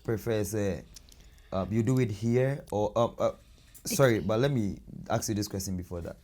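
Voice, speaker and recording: A man's voice: on the low side, normal speed, mellow. Hesitant Ghanaian man interviewing. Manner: hesitant, filler-heavy, laughs often. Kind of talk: casual chat interview.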